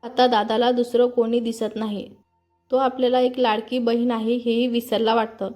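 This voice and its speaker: A woman's voice: fairly high pitch, little pitch movement, normal speed, highs cut off, faint music behind, natural voice. A woman voicing a cheeky, mischievous college-age sister in a narrated story.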